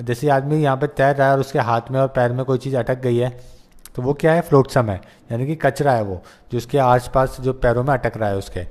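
A man's voice: medium pitch, darkish tone. Hindi-speaking man teaching English vocabulary. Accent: Indian English. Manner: mixes Hindi explanation with slowly read English definitions. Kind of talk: exam-prep vocabulary lesson.

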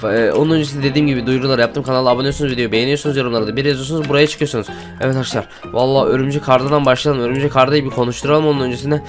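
A man hosting Minecraft gameplay commentary, excitable and constantly addressing his viewers. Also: mid-range voice, racing, few pauses, music in the background. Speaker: gaming channel host.

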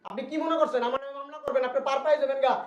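Man acting as a combative divorced dad, high fast voice, echoey lo-fi room. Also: steady tone, noisy background. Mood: threatening. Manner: combative, quarrelsome. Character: angry divorced young father demanding his daughter. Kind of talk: Bangla drama acting. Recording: echoey room, dull lo-fi sound.

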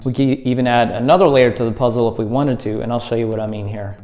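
A fast-talking man in his thirties with a steady, medium-pitched, slightly mellow voice hosts a friendly escape room tutorial. He goes step by step while working with props at a table indoors, a plaster wall behind him.

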